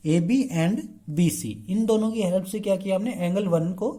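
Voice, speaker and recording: Man, math teacher, mellow warm voice, asks and answers his own questions, keeps checking in with the class. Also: high voice, normal speed. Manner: mixes Hindi with English terms, asks the class rhetorical questions and answers them; keeps checking in with the class by saying "okay" again and again. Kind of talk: explaining a lesson.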